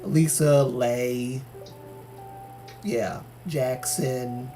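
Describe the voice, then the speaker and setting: A man's voice: mid-range voice, fairly even intonation, very slow, over music. A man from Algeria hosting a livestream, chatting casually and giving his opinions with many fillers and restarts. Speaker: livestream host. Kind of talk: casual chat reading viewer comments.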